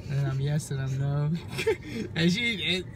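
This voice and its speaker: His voice is fairly high and animated yet a little slow, with background noise behind it. This young adult vlogger, fighting a cold and coughing occasionally, jokes and laughs a lot in a laid-back couple vlog chat shot on a handheld phone camera at home and in the car.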